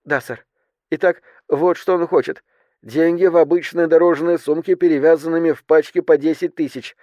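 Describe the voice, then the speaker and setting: A man voicing a young female flight attendant who reports in a hushed, tense way. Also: on the high side, fairly even intonation, moderate pace, dry recording, voice pushed up, lightly acted.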